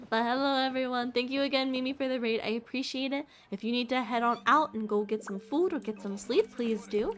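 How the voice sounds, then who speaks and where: Cute, bubbly anime-style woman streamer, higher-pitched. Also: a little fast. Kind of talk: casual livestream chat over gameplay.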